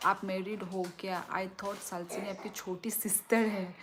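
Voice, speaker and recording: Woman livestream host, strong loud voice, slow and chatty, middle pitch, phone mic. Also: flat delivery, background noise. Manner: chatty, thanks viewers and asks for likes. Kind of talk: casual livestream chat reading viewer comments.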